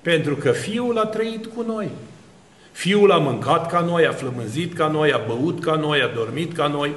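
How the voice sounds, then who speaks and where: A fairly high-pitched man gives a sermon as an Orthodox priest. He keeps asking rhetorical questions and runs through long lists. His voice rings in an echoey room. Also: animated, fairly bright tone.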